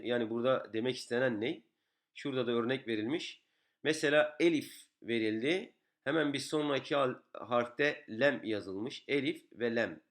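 A man teaching a beginner's Quran reading lesson, patiently explaining each rule and repeating every syllable several times. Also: mid-range voice.

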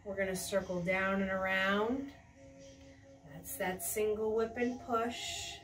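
A middle-aged woman guides tai chi movements in a serene, encouraging way. She speaks very slowly, cue by cue. She is heard from a little distance in a room, with soft music faintly behind her. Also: medium pitch, fairly even intonation. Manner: serene, encouraging, unhurried cueing. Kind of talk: guided movement lesson with calm step-by-step cues. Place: small carpeted room indoors.

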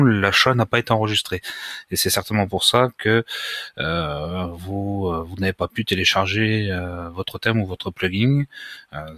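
A man explaining software step by step in a screen-recorded tutorial, talking casually and hesitantly with many pauses and restarts. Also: low voice, no room sound, studio quality. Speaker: WordPress tutorial maker.

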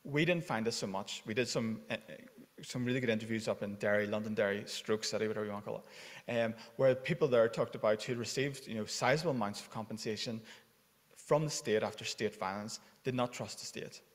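A man's voice: on the low side, a little fast. A man giving an informal conference welcome at a lectern, with many fillers. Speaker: conference organiser and academic. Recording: long hall reverb.

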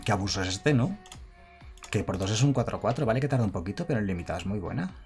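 A man talks through a card game live, chatty and quick to react. Faint music plays behind him. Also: fairly low pitch, lively intonation, darkish tone. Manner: chatty, reads chat aloud and thanks followers. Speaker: streamer.

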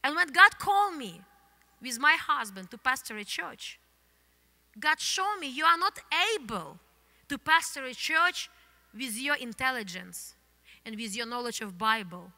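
A woman pastor in her thirties, from the Soviet Union and with a Ukrainian accent, preaches an animated sermon into a handheld microphone on a church stage in a large indoor hall. Her voice sits high and her pace is measured; she gestures as she speaks, using non-native English phrasing. Long hall reverb fills the recording.

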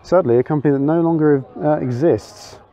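A man's voice: on the high side, a little fast, warm tone. A man giving casual, enthusiastic walkaround commentary at an outdoor car meet, thinking aloud with small fillers as he goes. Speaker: car vlogger.

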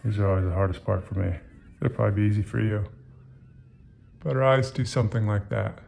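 He speaks fairly quickly in a fairly low, darkish voice with vocal fry, and a little hiss or hum sits under the audio. This author-illustrator in his fifties reads aloud and teaches drawing to children, using plain, casual words and encouraging the young viewers.

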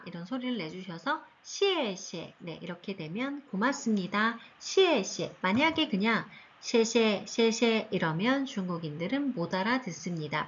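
Female language teacher for an online seniors' class, slow and patient, lively pitch, slightly husky. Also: lo-fi sound. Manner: slow, patient, drawn-out tone demonstrations. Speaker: Chinese teacher. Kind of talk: recorded online lesson for seniors.

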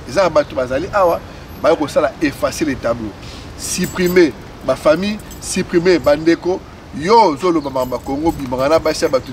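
A man with a high voice delivers fervent political talk out on a city street. He repeats words as he pushes his points. The mic sits some way off, with faint traffic noise behind him. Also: recorded from a distance. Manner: impassioned, repetitive, switches between Lingala and French.

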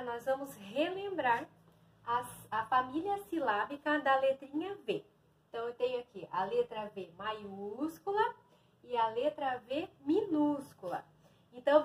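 A woman teacher from Brazil giving a reading lesson to young children, stretching and stressing each syllable. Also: high voice.

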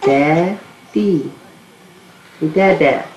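A woman's voice: deep voice, very slow, darkish tone, faint music behind. A woman in a home video, patiently coaxing a baby in repetitive baby talk. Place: home indoors. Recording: dull, roomy 1990s home camcorder audio.

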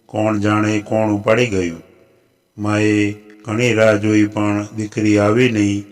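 A man with a Gujarati accent narrates a traditional folk tale in measured, scripted storytelling. His voice sits a little low and stays remarkably flat, hardly rising or falling.

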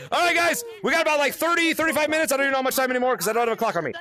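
A young man streaming a VR game live, excitable and laughing often as he calls out fans' names. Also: extremely high pitch, rapid-fire. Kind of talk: live-stream chat with fans.

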